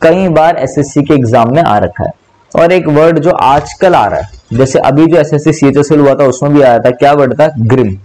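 Man teaching vocabulary with a mellow voice. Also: on the high side, moderate pace, rough recording. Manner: explains with repetition, spells words out letter by letter; mixes English words into speech. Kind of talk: online vocabulary lesson.

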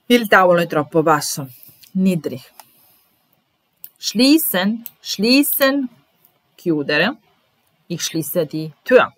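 A woman teaching a German vocabulary lesson to Italian speakers, saying each word slowly and repeating it with translations and example sentences. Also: fairly low pitch, a bit bright, no room sound.

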